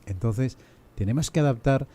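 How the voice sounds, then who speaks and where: A priest hosts a podcast, explaining things in a measured, didactic manner and posing many rhetorical questions. He has a warm, medium-pitched male voice.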